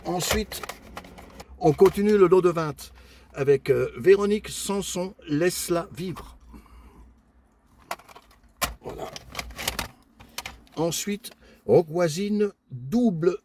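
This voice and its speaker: An older man in a casual show-and-tell vlog, calmly listing his flea-market finds one by one with many pauses and fillers, and chatting warmly with his viewers. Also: sits high, slight background noise. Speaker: flea-market collector vlogger.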